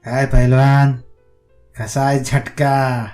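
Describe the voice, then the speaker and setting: A man's voice: mid-range voice, level tone, slow, a little mellow, faint music behind, lightly acted. A man playing a shrewd village man who bargains with and orders around a ghost. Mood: commanding. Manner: coaxing, then commanding and wry.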